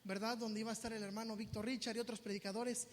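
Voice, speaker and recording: A Mexican pastor with a strikingly high voice preaches with fervor, dropping to a hush and then rising to a shout. His words ring out with a long reverb from the church hall. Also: little pitch movement, fast talker, a little hiss or hum. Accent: Mexican Spanish. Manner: emphatic preaching that swings from hushed to shouted, acting out voices of others. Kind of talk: sermon. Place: church sanctuary.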